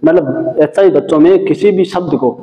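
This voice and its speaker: A man's voice: on the high side, moderate pace. A man teaching a class, explaining step by step and often repeating points and checking in with "okay". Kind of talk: classroom lecture. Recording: echoey hall, dull lo-fi sound.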